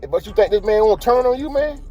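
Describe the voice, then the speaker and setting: A man's voice: high-pitched, expressive, a little fast, mellow, muffled recording, faint music behind. A man hosting a casual commentary vlog, talking in slang and throwing rhetorical questions at his viewers. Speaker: commentary channel host.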